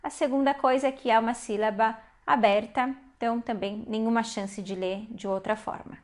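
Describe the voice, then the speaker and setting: A woman teaching a Hebrew reading lesson, explaining patiently step by step and slowing down to spell out syllables. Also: fairly high pitch, steady tone, a little mellow. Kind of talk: online language lesson.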